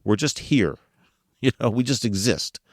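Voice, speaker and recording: A man's voice: medium pitch, animated, unhurried, dry recording, clean studio sound. A man hosting a podcast, talking casually to listeners, asking them rhetorical questions and chuckling as he goes. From United States. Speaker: podcast host.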